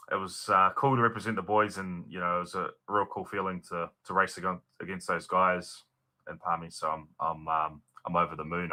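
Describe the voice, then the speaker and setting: A man's voice: low-pitched, sharp tone. A man with a New Zealand accent, a racing driver guest chatting casually and hesitantly in slangy words. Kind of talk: casual interview chat.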